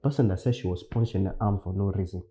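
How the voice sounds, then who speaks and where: A man reacting to a video, animated and stammering, often jumping in over his co-host. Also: low voice, fast. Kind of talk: casual reaction commentary.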